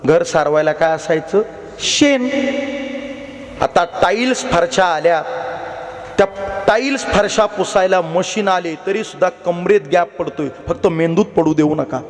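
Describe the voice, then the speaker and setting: A man with a high voice preaches a devotional kirtan, telling the story slowly and deliberately. He keeps calling on the audience to listen and slips into the voices of his characters. A long hall reverb trails after his words.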